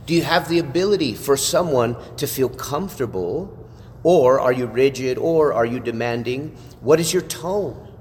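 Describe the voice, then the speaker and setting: A man teaching a class like a sermon, animated and full of rhetorical questions and tag questions. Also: medium pitch, moderate pace, big-room sound, a little hiss or hum. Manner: animated, asks rhetorical questions, frequent "right?".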